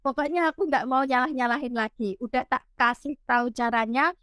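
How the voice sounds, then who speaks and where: A woman's voice: high voice, fairly even intonation, brisk, a bit bright, dry recording, clean studio sound. A woman who hosts and coaches, talking casually, explaining and prompting her guest. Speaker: host, parenting coach. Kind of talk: casual chat.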